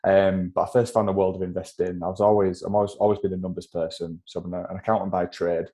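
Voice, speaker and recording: A man's voice: deep voice, flat delivery, quick pace, warm tone. A man in his twenties with a Yorkshire accent, chatting casually as a podcast guest over a remote call, laughing often and self-deprecating. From Yorkshire, England. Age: 20s. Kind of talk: casual interview chat.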